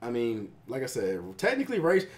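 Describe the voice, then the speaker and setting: Hesitant, thoughtful man with lively pitch. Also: fairly quick. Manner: thoughtful, hesitant, many fillers, explains points. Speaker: podcast co-host. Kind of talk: casual chat.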